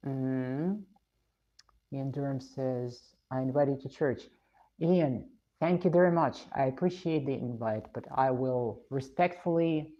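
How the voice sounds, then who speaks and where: A woman's voice: low-pitched, warm tone, highs cut off. A woman from Russia, live streaming, reading viewer comments and giving blunt, opinionated views.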